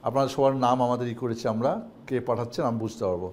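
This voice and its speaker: A man's voice: mid-range voice, rapid-fire, a little mellow, slight background noise. A male Quran teacher giving an online class, chanting the names of Arabic letters in a singsong drill and then explaining the homework.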